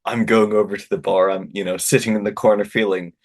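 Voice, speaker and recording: A man's voice: fairly low pitch, flat delivery, fast. A man telling a casual, funny story as a podcast guest, with wry, dry self-deprecation and a stammering, phrase-repeating delivery.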